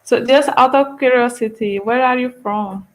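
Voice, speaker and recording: A woman's voice: on the high side, normal speed, low-quality recording. A woman from Brazil co-hosting an online meetup, chatty and laughing easily. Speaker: event co-host.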